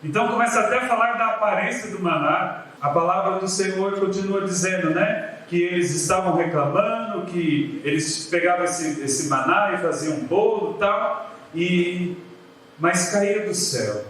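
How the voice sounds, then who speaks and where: Brazilian man, pastor, animated sermon delivery, very reverberant church sound. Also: sits high, moderate pace. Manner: lively preaching, acts out biblical voices, calls the people "queridos". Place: church sanctuary. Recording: very echoey church hall from a distance.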